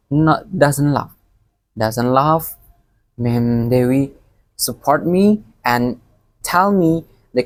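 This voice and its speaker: A young man with a Palembang Indonesian accent gives a recorded exam presentation as an education student, halting and often repeating words. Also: medium pitch, no room sound. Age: young adult.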